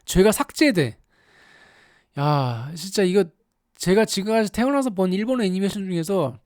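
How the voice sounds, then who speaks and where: Lively, animated casual commentator. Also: medium pitch, no echo, studio quality. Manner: animated, exaggerated storytelling with rhetorical questions. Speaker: YouTube anime commentator.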